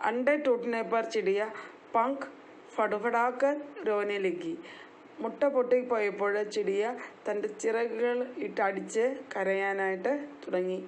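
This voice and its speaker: Woman teacher, mid-pitched, drilling pupils through slow repeat-after-me lines; faint background hiss. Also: poor audio. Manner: reads Hindi lines slowly for pupils to repeat, then explains in Malayalam. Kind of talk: recorded class lesson for young children.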